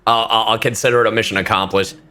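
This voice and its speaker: A man's voice: fairly low pitch, steady tone, very fast, pushed and bright, a little hiss or hum. A man guesting on a casual podcast, bantering with swearing and self-deprecation.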